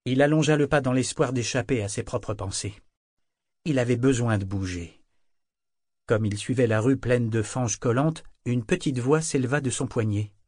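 A man reading a fantasy novel aloud in steady, scripted narration. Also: mid-range voice, moderate pace, dry recording, clean studio sound. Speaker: audiobook narrator.

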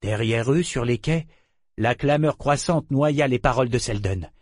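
A male audiobook reader narrates a novel from a script in a measured, even storytelling manner. His voice is medium-pitched, and the studio-quality recording has no room sound.

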